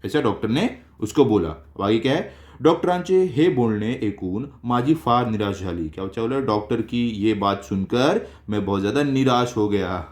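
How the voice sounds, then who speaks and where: A man's voice: on the low side, expressive, moderate pace. A man teaching a school chapter. He reads each line aloud and then explains it in simple, everyday words, like a tutor going through a textbook.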